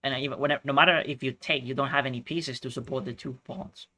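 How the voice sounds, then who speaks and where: A man from Chile streaming chess, thinking out loud through his moves and chatting with viewers. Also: mid-range voice, quick pace. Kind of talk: live-stream commentary.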